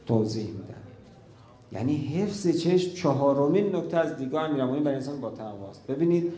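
A man preaching a religious sermon, telling stories with feeling and dropping to a hush at key moments. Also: mid-range voice, expressive, echoey room. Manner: emotive storytelling, drops to a hush at key moments.

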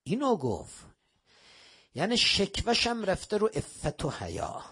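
A man preaching a sermon, telling religious stories dramatically, swinging between raised exclamations and hushed lines. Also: high voice, wildly swooping pitch, vocal fry, breathy edge.

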